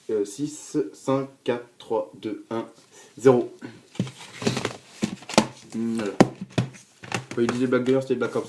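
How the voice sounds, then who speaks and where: A young man talks through his DVD shelf in a loose, rambling way, stacking up fillers and repeating himself as he goes. The recording is home-made, with clear background noise under his voice. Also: mid-range voice. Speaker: collector showing his DVDs. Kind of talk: casual spoken review.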